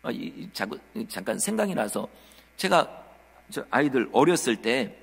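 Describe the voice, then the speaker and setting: A male pastor delivers a lively sermon, his voice swooping up and down as he tells the story. His tone is gravelly and a little husky. The sound carries a long reverb from the church hall. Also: medium pitch, normal speed. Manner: animated storytelling, acting out quotes; addresses the congregation directly. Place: church sanctuary.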